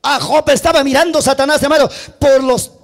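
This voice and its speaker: A man preaching a sermon, telling a story dramatically and swinging between loud and hushed. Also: very high voice, fairly even intonation, fairly quick. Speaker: pastor.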